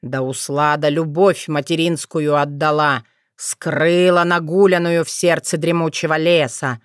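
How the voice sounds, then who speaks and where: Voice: mid-range voice, steady tone, measured pace, clean tone, dry recording, clean studio sound, natural voice. A reader voicing a spiteful, half-mad old male forest spirit who snarls and gloats. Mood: gloating.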